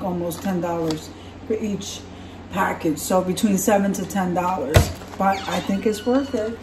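A woman's voice: on the low side, noisy background. A woman chatting casually as she unpacks and shows her groceries in her home kitchen. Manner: chatty, relaxed, self-correcting. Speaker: vlogger. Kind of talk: casual grocery haul chat. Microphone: camera across the counter. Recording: echoey kitchen, camera from far off.

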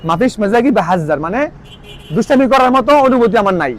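A man, giving a casual spoken language lesson, repeating phrases slowly and checking that listeners follow. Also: high voice, animated, slight background noise. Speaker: language teacher.

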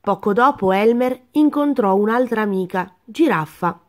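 A woman reading a children's picture book aloud, her narration calm, gentle and even. She keeps the storytelling voice a little lower and softer than the animals she plays. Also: moderate pace.

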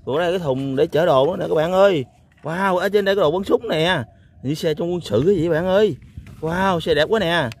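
A man's voice: a little high, brisk. A man hosts an outdoor toy-hunting vlog, exclaiming "wow" and chuckling as he talks to viewers. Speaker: toy vlogger. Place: outdoors on a sandy lot.

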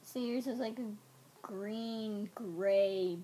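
A woman's voice: medium pitch, steady tone, very slow, dark tone, a little hiss or hum. A young woman, chatting casually as a video co-host. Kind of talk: casual chat. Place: small bedroom, indoors.

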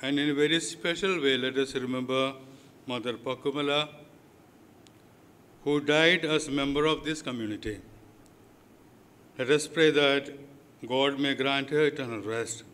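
A man speaking as a priest into a pulpit microphone, leading prayers in short, measured phrases with many pauses. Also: medium pitch, a bit bright. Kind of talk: liturgical address and prayers. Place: large church. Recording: long church hall reverb.

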